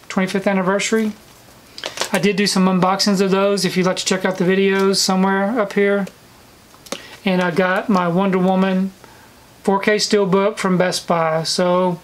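A woman talks casually through a haul vlog, chatty and full of fillers and restarts. She is slightly out of breath. Her voice sits in an ordinary middle pitch, with a faint hiss under the recording. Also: rough recording. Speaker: video collector vlogger.

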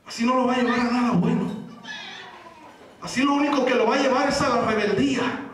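A man preaching to young people at a church youth service. He talks conversationally, asks the crowd questions and breaks into shouts. He is recorded from a distance in a church hall. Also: very high voice, fairly quick, a little hiss or hum. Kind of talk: sermon. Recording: echoey hall, distant mic.

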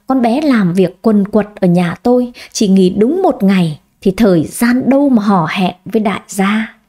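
Mellow woman narrating an audiobook. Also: mid-range voice. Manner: measured, expressive reading. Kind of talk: scripted first-person story narration.

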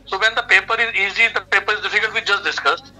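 A man's voice: sits high, fast talker, pushed and bright, low-quality recording. A middle-aged man with an Indian accent explaining things emphatically as an expert guest on a phone video call. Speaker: expert guest, education adviser. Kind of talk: explanatory interview talk. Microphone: video call on a phone speaker.

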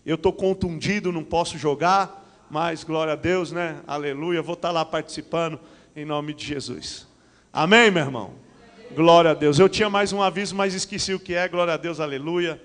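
A middle-aged Brazilian pastor speaks into a handheld microphone, his voice pitched high for a man, peppering his preaching with amens and hallelujahs. The sound rings out with a long reverb through a large church hall. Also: normal speed. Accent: Brazilian Portuguese. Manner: animated preaching with frequent amens and hallelujahs, paces the stage. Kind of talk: church announcements and sermon.

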